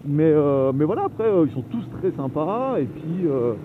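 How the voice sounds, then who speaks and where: A man's voice: a little high, very animated, a little slow. A man from France chatting casually as he rides a motorbike, rambling and laughing often, recorded on a helmet camera. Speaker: motovlogger. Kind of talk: casual riding commentary. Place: on a motorbike on the open road. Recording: phone-like sound, loud wind noise.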